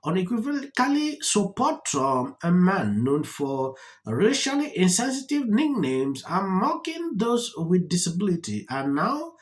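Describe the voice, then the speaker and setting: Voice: mid-range voice, very animated, unhurried. A narrator giving dramatic, judgmental news commentary over clips.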